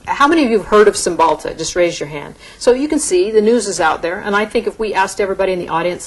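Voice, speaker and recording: A woman's voice: lowish voice, low-quality recording. A middle-aged woman physician giving a conversational medical lecture to an audience, explaining in a plain, easygoing way. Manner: explanatory, conversational, occasional restarts.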